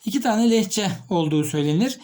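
A man's voice: high voice, animated, brisk, warm tone. Man teaching, repeating key terms. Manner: explains step by step, repeats key terms while writing; addresses students directly with questions. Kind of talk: literature lesson.

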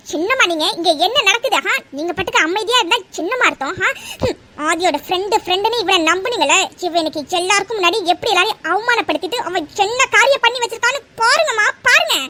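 A man voicing a sharp-tongued middle-aged woman in a cartoon story, scolding and sneering at others. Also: very high-pitched, voice pushed up, full character voice.

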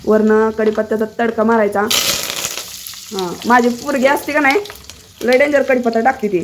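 A hoarse, chatty woman talks playfully to her viewers while she cooks, her voice sitting a little high. The recording is noisy, with oil sizzling and frying in the background of a home kitchen. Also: fairly even intonation, normal speed. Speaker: home cooking vlogger. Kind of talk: casual chatty cooking vlog.

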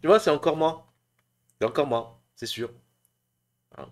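A man's voice: fairly high pitch, expressive, a little slow. A man casually talking about his voice acting, chatty and hesitant with many fillers. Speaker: voice actor showing his work. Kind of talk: casual demo talk.

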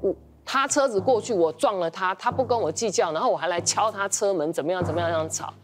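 Brisk woman telling a story. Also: fairly low pitch, a little hiss or hum. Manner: brisk storyteller, quotes herself and others. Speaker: talk show guest. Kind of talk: anecdote on a talk show.

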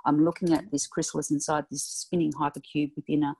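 Low-voiced woman describing a dream. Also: level tone, warm tone, slightly rough. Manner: detailed, deliberate descriptive telling. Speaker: class participant asking a question.

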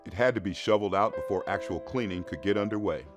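Man, very low voice, documentary narration, music underneath. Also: quick pace.

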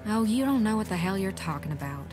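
A woman's voice: medium pitch, expressive, fast talker, close to an everyday voice. Actress as a wry, wary survivor woman. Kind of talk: video game voice acting. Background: game music.

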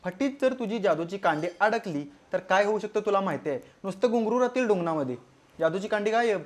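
A man's voice: high voice, lively intonation, fast talker, noisy background. A man with a Marathi accent delivering a crude, scolding comedy roast commentary.

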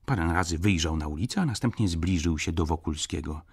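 A man narrating a classic novel as an audiobook in an expressive, animated reading. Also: low voice, a little fast, slightly rough. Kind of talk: scripted literary narration.

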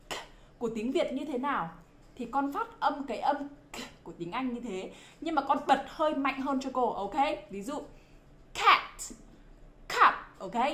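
A woman's voice: sits high, a bit bright. A woman teaching children phonics, exclaiming often and drilling sounds by repetition. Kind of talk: phonics lesson for kids. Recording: roomy echo.

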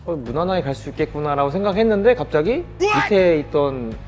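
Young male driver in his twenties, earnest, varied intonation, soft music underneath. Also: a little high, sing-song, fairly quick. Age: 20s. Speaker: racing driver guest. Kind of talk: casual interview answers.

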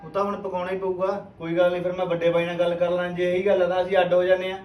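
A man's voice: high voice, monotone, rapid-fire, far from the mic, dull audio, natural voice. A man playing an aggrieved unmarried young farmer complaining about his sister-in-law. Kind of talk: village comedy sketch acting.

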